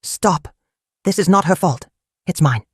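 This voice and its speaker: A storyteller voicing a calm, honorable wealthy young man in a folktale, speaking plainly and evenly. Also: mid-range voice, husky, no echo, studio quality. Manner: calm, plain, measured speech. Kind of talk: storybook narration.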